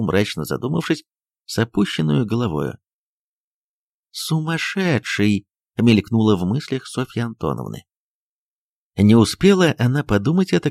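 A man narrating a novel as an audiobook, reading in an expressive, dramatic storytelling manner. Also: fairly low pitch, creaky, no room sound, clean studio sound.

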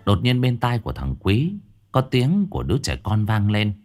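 Lively low-voiced male horror storyteller. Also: moderate pace. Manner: dramatic, drops pitch for suspense. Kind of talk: scripted narration. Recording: faint background music.

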